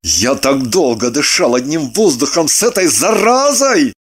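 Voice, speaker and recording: A voice playing a fastidious, squeamish middle-aged husband in a storybook reading, snapping clipped, grudging retorts. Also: male voice, mid-range voice, no echo, lightly acted. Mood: irritated. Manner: sharp, clipped retorts through gritted teeth.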